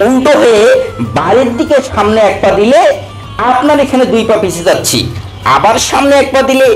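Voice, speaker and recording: A man playing a sly, witty village mullah in a cartoon, talking in an animated, folksy, teasing way. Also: very high voice, a little fast, soft background music, low-quality recording. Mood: cheeky. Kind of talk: cartoon character acting.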